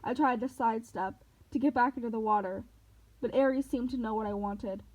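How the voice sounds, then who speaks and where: A woman's voice: fairly high pitch, moderate pace, darkish tone. A woman reading a novel aloud, telling the story steadily in the first person. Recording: dull lo-fi recording.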